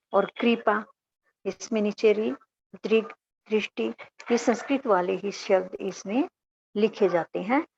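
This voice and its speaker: A woman's voice: medium pitch, gravelly, a little mellow, a little hiss or hum. A woman teaching a Hindi grammar lesson with a Haryanvi-tinged accent, explaining step by step and asking and answering her own questions. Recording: dull lo-fi recording.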